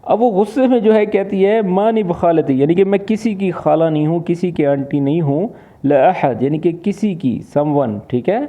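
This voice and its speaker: A man from Pakistan teaching, patiently explaining and translating spoken phrases. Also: fairly high pitch. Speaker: Arabic teacher. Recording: phone-like lo-fi voice.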